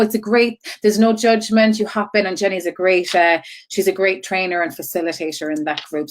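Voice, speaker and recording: A woman coaching in an informal live-stream style, rambling off on tangents and circling back, repeating herself and checking in with listeners as she goes. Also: lowish voice. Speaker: online business coach.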